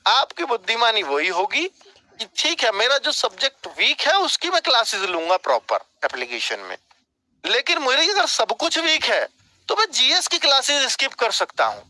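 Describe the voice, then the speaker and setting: A man's voice: very high voice, wildly swooping pitch, moderate pace, sharp tone, dry recording, poor audio. A man teaching as an exam coaching instructor, giving direct, scolding study advice and often checking "ठीक है?" with his students. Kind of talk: motivational advice lecture.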